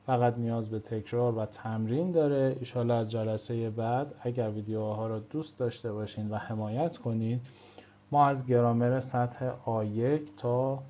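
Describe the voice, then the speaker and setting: A man with a mellow, darker voice gives a German pronunciation lesson in Persian. He explains patiently and says each example word twice, with a pitch that sits in the middle for a man. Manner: explains slowly, repeats example words. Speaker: German language teacher. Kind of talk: video lesson.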